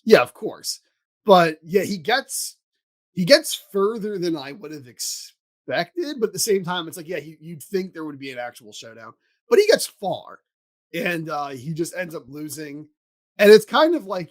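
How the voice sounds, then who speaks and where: Animated casual podcast host, man. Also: a little high. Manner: animated, rambling with many fillers and restarts. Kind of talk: casual chat.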